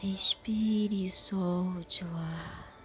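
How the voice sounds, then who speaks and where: Slow soothing lady guiding a prayer meditation, hushed and kinda low, soft music behind. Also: steady tone. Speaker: guided meditation leader.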